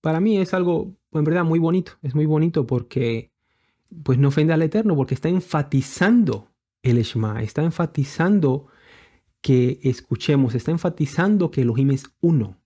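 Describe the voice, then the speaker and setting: A man's voice: fairly high pitch, animated, moderate pace, mellow. A man giving a religious lesson, explaining patiently with many fillers and rhetorical questions while pointing to letters on screen. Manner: refers to letters shown on screen. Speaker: bible teacher. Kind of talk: religious teaching.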